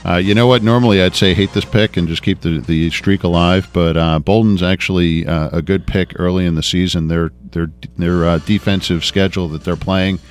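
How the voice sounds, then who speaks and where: Man, very low voice, blunt opinionated co-host, sports radio, faint music. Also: steady tone, normal speed, hardly any pauses. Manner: blunt, opinionated, repeats words. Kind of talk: casual radio sports talk.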